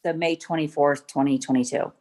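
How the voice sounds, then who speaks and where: A woman's voice: deep voice, steady tone, brisk, darkish tone. A middle-aged woman giving courtroom testimony, hesitant and full of ums as she retells events step by step. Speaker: witness.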